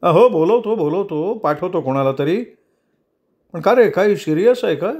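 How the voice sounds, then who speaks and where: A man's voice: sits high, lively intonation, normal speed, darkish tone, voice pushed up. A fussy old shopkeeper, as a male storyteller puts him on, talks in a raised, fretful voice full of worried questions.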